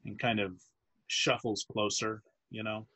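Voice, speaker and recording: A man narrating as dungeon master, talking in halting bursts with many restarts and easy laughter. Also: fairly low pitch, little pitch movement, bright, forceful tone. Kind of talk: narrating a tabletop game.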